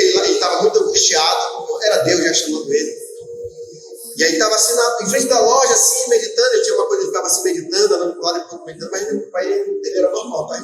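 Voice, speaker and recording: A man preaching a sermon at a church service, animated, moving between shouts and quiet asides. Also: high voice. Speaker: apostle preaching. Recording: very echoey church hall, mic at a distance.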